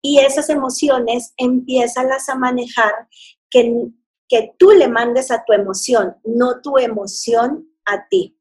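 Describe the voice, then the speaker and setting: A middle-aged woman with a Mexican Spanish accent, a divorced mother speaking earnestly and warmly about her emotions, with fillers and restarts. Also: on the high side, slow, husky. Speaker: divorced mother sharing advice. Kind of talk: motivational talk.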